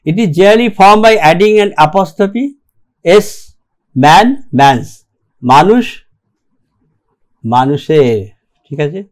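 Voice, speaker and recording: A man teaching English grammar in a recorded lecture, reading rules aloud slowly and keeping checking that the class follows. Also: high voice, animated. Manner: slow and deliberate, reads English rules aloud, keeps checking "ঠিক আছে?".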